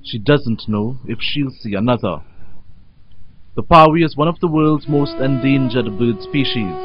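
A man's voice: mid-range voice, unhurried, lo-fi sound. A man reading scripted narration for a nature documentary. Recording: dulled sound under prominent music. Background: music.

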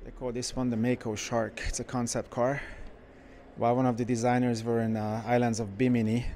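A man who runs a car shop, walking through a car museum and giving casual, enthusiastic commentary with frequent pauses. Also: mid-range voice, flat delivery, dark tone, a little hiss or hum. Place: indoor car museum halls.

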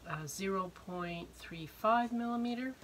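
An older woman in her sixties, slightly hoarse from a cold, talks haltingly and casually through an unboxing, thinking aloud as she goes. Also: medium pitch, a bit bright. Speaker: art vlogger unboxing supplies. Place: indoor home art studio, wood-beamed. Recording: noisy room, clicks and rustling.

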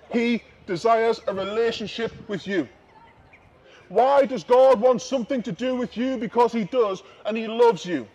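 High-voiced street preacher. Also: male voice, dull audio. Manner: emphatic, repeats key phrases, shifts between loud and hushed. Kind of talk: open-air street preaching. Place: outdoors on a city street.

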